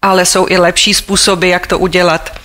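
A woman's voice: on the low side, little pitch movement, a bit bright, lightly acted. A woman audiobook reader voicing a poised, unflappable young society detective who talks in a breezy, offhand and kindly way. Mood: calm. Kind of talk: audiobook character voice.

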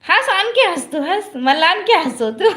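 A woman chats casually into her phone during a live stream. Her voice sits high, and she keeps things playful, laughing easily as she reads out viewers' comments. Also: sharp tone. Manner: laughs often, chatty and playful.

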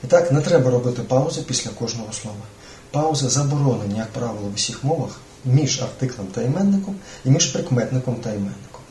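A man's voice: mid-range voice, animated, a little mellow. A man giving a spoken lesson on language learning. He often stops and restarts his words. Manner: halting, repeats and restarts words. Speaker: language teacher. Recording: echoey room with faint noise.

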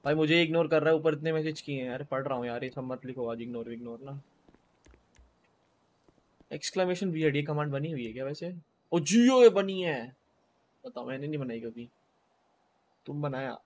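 Subdued Hindi-accented streamer chatting. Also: male voice, brisk, long pauses, a little hiss or hum. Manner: greets chat viewers by name, chatty; speaking low and subdued. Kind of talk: casual stream chat.

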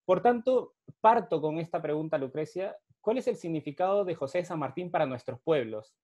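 Speaking into an earphone mic on a video call from his home study, this young host and historian from Peru leads a virtual panel on history. He has a mellow voice on the high side with a breathy edge, and he often restarts and leans on fillers.

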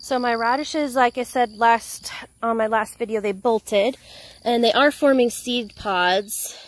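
A woman's voice: on the high side, a little hiss or hum. Chatty Texan woman touring her garden. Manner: chatty, easily excited, trails off mid-sentence. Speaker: home gardener giving a garden tour. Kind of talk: casual walk-through vlog. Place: outdoors in a backyard garden. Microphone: handheld phone camera, filming while walking.

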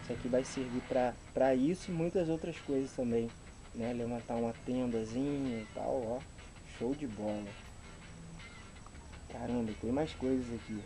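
Against a noisy background, a man in his thirties with a Brazilian accent speaks at a moderate pace in a mid-range voice with fairly even intonation. The YouTube vlogger casually unboxes items in a rural garden, using slang and exclaiming appreciatively, recorded from a camera a couple of meters away.

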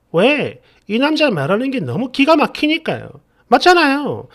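A woman narrating a dramatized first-person story in an indignant, sarcastic way. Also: high-pitched.

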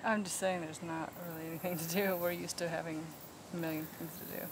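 A young woman chatting casually beside the person filming, speaking softly and offhand. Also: lowish voice, level tone, a little fast. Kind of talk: casual chat. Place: outdoors by a river walk. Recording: off-mic outdoor audio with noise.

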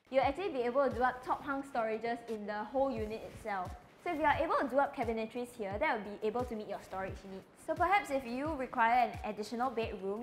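A young Singaporean woman presenting a scripted property home tour to camera. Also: on the high side. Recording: light music bed behind voice.

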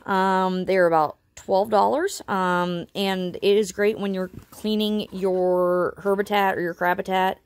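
A woman's voice: medium pitch, fairly even intonation, a little slow, hardly any pauses, no echo. A woman with a slightly wheezy voice, getting over pneumonia, casually narrating a home pet vlog. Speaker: home vlogger. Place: indoors at home.

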